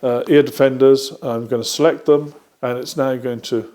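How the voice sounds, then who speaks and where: With a steady, mellow tone at medium pitch, this British presenter demonstrates a product one step at a time. He explains methodically and often breaks off mid-sentence.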